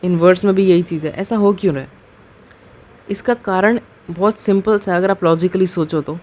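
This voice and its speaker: High-voiced and darkish in tone, this man speaks with fairly even intonation while explaining a maths proof at the board. His approach is patient and stepwise, with slowing on key terms, rhetorical questions and frequent checks that students follow.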